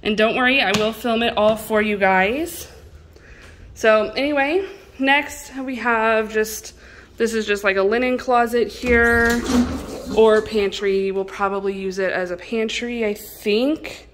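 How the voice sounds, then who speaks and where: A woman's voice: a little high, a little slow, a little hiss or hum. A young woman vlogger gives a chatty house tour full of fillers. She talks in a mostly empty house, so her voice echoes off the bare rooms. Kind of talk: casual house-tour chat.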